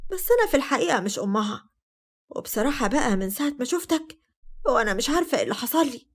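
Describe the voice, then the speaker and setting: A woman's voice: on the high side, very animated, very fast. A woman voicing a flirtatious, scheming middle-aged stepmother, speaking in a coaxing, coy way with an Egyptian accent. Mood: confiding. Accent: Egyptian Arabic.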